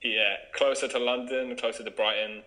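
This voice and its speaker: A man's voice: medium pitch, steady tone, moderate pace, bright, forceful tone, rough recording. A young man from Wales, a yoga teacher chatting casually in an interview, upbeat and laughing often.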